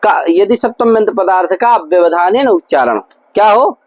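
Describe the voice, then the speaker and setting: This high-sitting, expressive male voice moves at a moderate pace over some background noise. He is teaching Sanskrit grammar in a gurukul classroom, hammering points home by questioning his students again and again.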